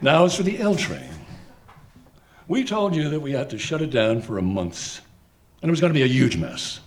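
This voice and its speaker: A man playing a flustered, evasive transit official, loudly addressing a crowd at an event in a live comic radio play. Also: medium pitch, sing-song, normal speed. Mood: grandly officious. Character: flustered, evasive male transit official running a public meeting.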